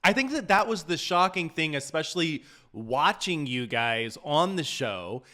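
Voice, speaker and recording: Male podcast interviewer, slightly high and bright, conversational. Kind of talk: casual interview chat.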